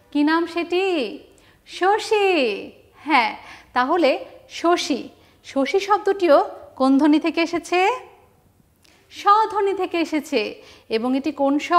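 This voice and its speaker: A woman with a Bangladeshi Bengali accent teaching a first-grade alphabet lesson, stretching words slowly and prompting children to repeat after her. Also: sits high. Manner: slow, stretched call-and-response drilling of words; encouraging, sing-song prompting of children. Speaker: primary school teacher.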